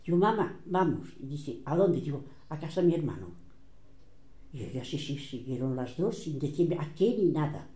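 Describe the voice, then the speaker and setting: An older woman with a Catalan accent recounts old family quarrels in a lively storytelling manner. She slips into the voices of the people she quotes. Her voice is very dark and mellow, and it rings in an echoey room. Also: low-pitched, moderate pace. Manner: animated, acts out quoted voices. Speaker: relative recounting family history.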